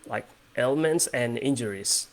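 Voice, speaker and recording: Hosting a casual English conversation practice over video call, a man with an Indonesian accent speaks hesitantly, with many fillers and restarts. His voice is medium in pitch and measured in pace.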